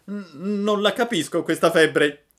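A man voicing a panicky, wailing wooden puppet boy in a high, shrill voice. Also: a little slow, fairly bright tone. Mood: frightened.

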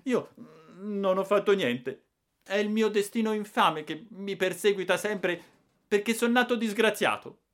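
A man's voice: sits high, a little slow, fairly bright tone, pitched above the performer's own voice. A man reading aloud and voicing a cheeky young boy who argues back indignantly against the grown-ups. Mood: sobbing self-pity. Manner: indignant, pleading tone. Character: cheeky young boy, defiant and self-pitying. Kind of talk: audiobook character voice.

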